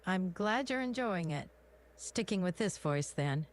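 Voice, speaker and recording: A synthetic woman's voice acting as an AI copilot, giving smooth, polished scripted replies. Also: lowish voice, expressive, unhurried.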